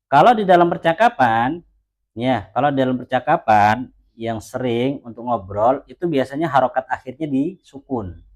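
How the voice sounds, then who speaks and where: Guy teaching a class, patient, keeps repeating words and sounding out phrases slow. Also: medium pitch, lively intonation. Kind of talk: language lesson explanation.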